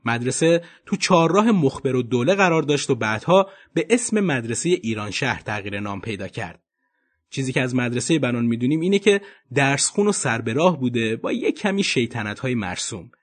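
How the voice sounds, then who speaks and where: A man with a medium-pitched voice narrates a documentary podcast episode in an expressive storytelling manner.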